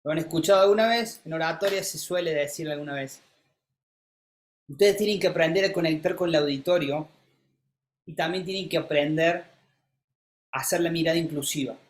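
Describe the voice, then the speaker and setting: A speaking coach, teaching a live masterclass and calling on students by name, who keeps changing pitch and pace to show what is meant. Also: brisk, long pauses, slight background noise. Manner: demonstrative, shifts pitch and pace to illustrate; coaxing, calls on students by name.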